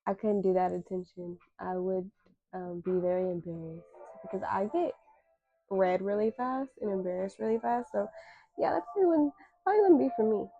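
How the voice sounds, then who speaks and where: A woman's voice: medium pitch, normal speed, phone-quality sound, soft background music. A woman in her twenties hosting a casual solo talk, candid and slangy, with emphatic repetition. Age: 20s. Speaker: podcast host.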